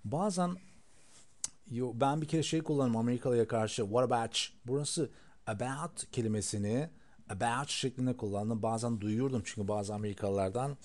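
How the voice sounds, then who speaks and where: A young Turkish man teaches English to beginners, repeating short phrases slowly before speeding them up. His voice is mellow and relaxed, sitting at an ordinary middle pitch. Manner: drills English phrases slowly, then faster. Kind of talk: video lesson for beginners.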